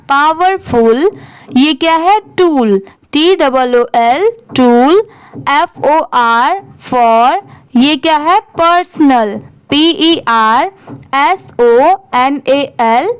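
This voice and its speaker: Slow-spelling Indian woman English teacher. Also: sits high, no room sound. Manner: patient, spells words letter by letter and asks questions; reads English text very slowly, word by word. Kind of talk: slow spelled-out reading lesson.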